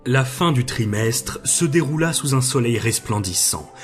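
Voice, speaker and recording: A man narrating a story aloud at a steady, measured pace. His voice sits at an ordinary middle pitch for a man, clear and even. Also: soft background music. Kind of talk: audiobook reading.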